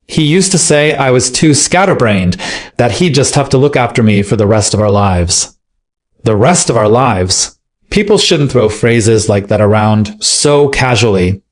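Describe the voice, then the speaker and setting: A man narrates a dramatic story in a steady, measured reading voice. His pitch sits in an ordinary middle register, and he keeps the telling scripted and even.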